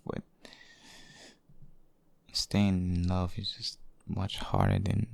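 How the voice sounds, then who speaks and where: A man voicing a devoted, possessive boyfriend in an intimate, hushed ASMR role-play, speaking haltingly and tenderly. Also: lowish voice, creaky, dry recording, heavily acted. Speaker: audio role-play performer.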